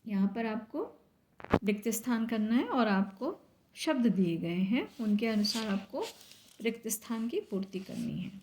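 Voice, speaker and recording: A woman teacher, going through a grammar lesson slowly and step by step, asking and answering her own questions. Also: on the high side, lively intonation, darkish tone, slight background noise. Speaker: school teacher.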